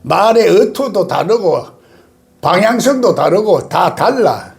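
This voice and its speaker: An older pastor delivers a sermon in a high, sing-song voice. His pitch leaps around constantly, and he breaks into sudden loud outbursts and laughter. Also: big pitch swings, takes it slowly, creaky.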